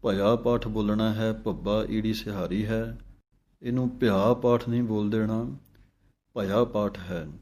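A man teaching careful recitation of scripture, chanting verses slowly with a melodic lilt and then explaining pronunciation points. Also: fairly low pitch, steady tone, darkish tone.

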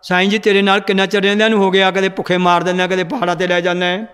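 A man's voice: high voice, completely flat delivery, fairly bright tone, clean tone. A man voicing an angry male companion of a saint who complains that he has waited long for his reward, in a reverberant hall. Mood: aggrieved. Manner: aggrieved, rapid complaining.

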